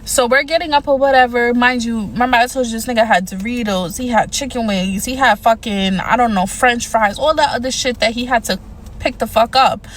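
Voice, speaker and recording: A young adult woman telling a dating horror story in a casual, animated way, emphatic and profane, with mounting indignation. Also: fairly high pitch, brisk, a little hiss or hum, low-quality recording. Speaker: storyteller vlogger.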